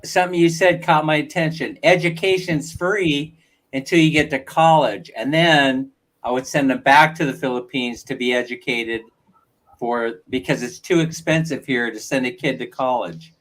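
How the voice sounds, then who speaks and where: A man's voice: medium pitch, normal speed, fairly bright tone. Joking man reading viewer comments. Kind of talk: casual livestream chat.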